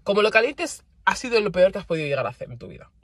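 Breathy young Spanish woman chatting. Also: mid-range voice, rapid-fire, no echo. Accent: Spain Spanish. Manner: chatty, animated, laughs often, repeats words for emphasis. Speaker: vlogger. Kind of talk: casual chat to camera.

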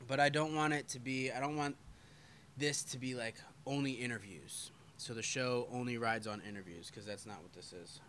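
Bright-voiced casual man hosting a live stream. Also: mid-range voice, steady tone, moderate pace, a little hiss or hum. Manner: loose and swearing, with self-deprecating asides. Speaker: podcast host reading live chat.

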